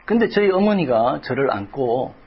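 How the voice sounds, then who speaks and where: Gravelly-voiced pastor preaching with feeling. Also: male voice, medium pitch, big pitch swings, normal speed, lo-fi sound. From South Korea. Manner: emotional storytelling, rising to cries in prayer. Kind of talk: sermon.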